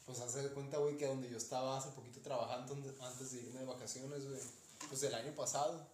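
A man's voice: medium pitch, fairly even intonation, brisk, a little mellow. A young man from Mexico co-hosting a podcast, telling stories in slangy casual chat and acting out the people he quotes. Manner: slangy storytelling, acts out quoted voices. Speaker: podcast co-host. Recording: echoey room with faint noise.

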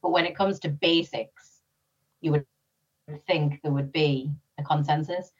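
A woman with a British accent talks as an interview guest. Her voice is low and her delivery thoughtful and sincere. The sound is somewhat dull, as if she sits away from the mic. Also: fairly even intonation, a little slow, distant mic. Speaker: interview guest, former police officer. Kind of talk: conversational interview.

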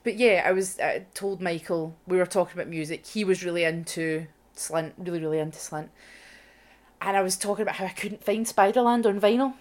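A woman's voice: fairly low pitch, a little fast. Sweary Scottish woman co-hosting. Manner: sweary, animated storytelling. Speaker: radio show co-host. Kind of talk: casual chat.

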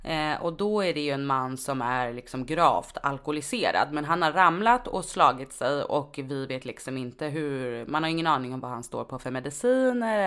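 Woman, Stockholm accent, quite low pitch, casual podcast chat, slangy and informal. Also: fairly bright tone. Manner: informal, sweary, slangy speech. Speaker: podcast co-host; nurse. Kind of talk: casual conversational storytelling.

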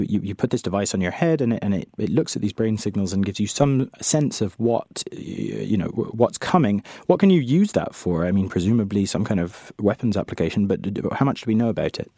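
A man presents a science podcast with bright curiosity and very animated intonation. His voice is mid-pitched and mellow in tone. The recording is close and dry, sometimes with light music underneath. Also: a little fast, hardly any pauses, dry recording. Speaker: science show host. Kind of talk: scripted podcast presenting and interviewing.

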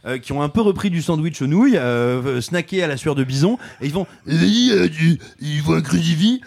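A man talking casually as a film critic, mocking and lively, often slipping into comic impressions. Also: on the high side, fairly quick, creaky. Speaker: film critic podcast host. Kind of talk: casual film review chat.

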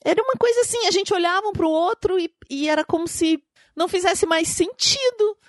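A woman's voice: very high voice, brisk, no echo, studio quality. A woman with a Brazilian Portuguese accent, telling a personal story in an interview, reflective and emotional. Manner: emotional, reflective storytelling with many tag questions.

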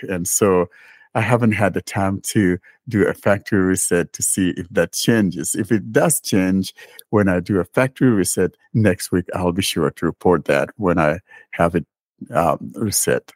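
A man with a low voice chats through a tech podcast in an easygoing, rambling way. Now and then he slips in dry sarcasm. He is recorded dry and close on the mic. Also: no echo. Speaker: podcast host. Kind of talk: casual tech podcast chat.

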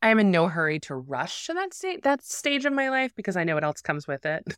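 A woman in her forties co-hosting a podcast, chatting casually and telling animated stories with playful voices for the people in them. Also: on the low side, fairly quick, smooth, dry recording, clean studio sound. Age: 40s. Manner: animated storyteller, acts out voices in anecdotes. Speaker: podcast co-host. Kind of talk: casual chat.

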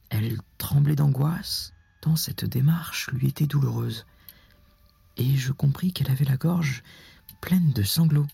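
Man narrating a classic tale, very raspy, slips into whispers, dry sound. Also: medium pitch, darkish tone, dry recording. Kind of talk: dramatic literary narration.

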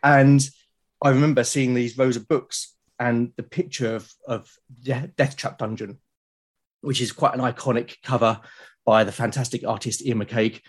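A man in his forties with a British accent, an illustrator on a podcast, has a husky, mid-range voice. He speaks at normal speed in a steady tone, chatting casually as an interview guest in a reflective, enthusiastic way.

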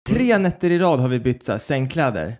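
A man's voice: medium pitch, big pitch swings, darkish tone. Rambling Swedish man, young parent. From Sweden. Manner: swearing, laughing, rambling storyteller. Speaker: podcast co-host. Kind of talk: casual chat.

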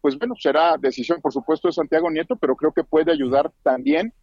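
Rapid-fire analyst on a dull, lo-fi line. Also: male voice, on the high side, a little mellow, no room sound. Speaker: guest analyst. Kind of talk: radio commentary by phone.

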